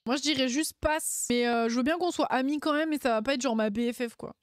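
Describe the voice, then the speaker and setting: Woman streamer, high voice, dry close sound, slangy and laughing. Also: fast, no room sound. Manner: laughs often, slangy and playful. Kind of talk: casual live-stream chat.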